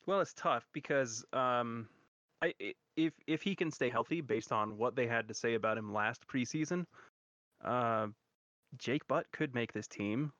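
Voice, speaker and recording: A man's voice: mid-range voice, a little slow, a bit bright, dry recording. A man co-hosting a casual sports chat who hesitates and restarts his sentences often. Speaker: podcast co-host. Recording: dry, dull lo-fi audio.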